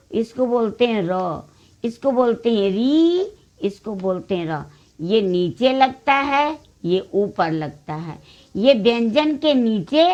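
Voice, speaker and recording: A woman teaching young children, reading words out one by one in a drawn-out drill, with short explanations in between. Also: fairly high pitch, a little mellow, highs cut off. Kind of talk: slow spelling drill for children.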